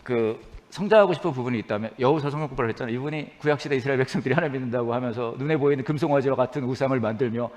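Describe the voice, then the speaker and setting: A young man preaching a sermon as pastor, animated and acting out prayers with shouts and laughter. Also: medium pitch, rapid-fire, hardly any pauses.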